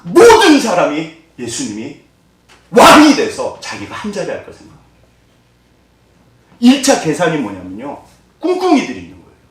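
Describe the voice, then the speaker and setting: Lively preaching man in an echoey hall. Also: on the high side, normal speed, pauses often. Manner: lively conversational preaching, acts out quoted voices. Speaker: pastor. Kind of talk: Easter sermon. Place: church sanctuary. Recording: echoey hall, distant mic.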